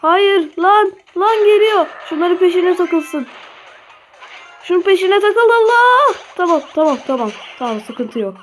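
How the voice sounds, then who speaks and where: A woman with a Turkish accent giving live commentary on her own gameplay, swearing and shouting at opponents. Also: extremely high pitch, lively intonation, a little slow, a little hiss or hum. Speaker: gaming channel host. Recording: faint game music behind.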